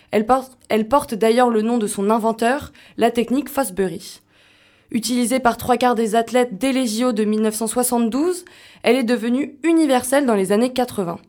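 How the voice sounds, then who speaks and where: A young woman reading a scripted culture and sport segment in a lively, conversational way. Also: a little high. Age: young adult.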